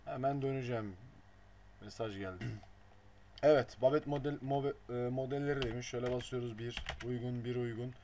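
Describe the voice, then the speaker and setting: A man records a casual screen tutorial at home, muttering as he clicks and throwing in blunt offhand jokes. His mid-range voice is warm, brisk, and fairly even, and the noisy recording picks up keyboard and mouse clicks.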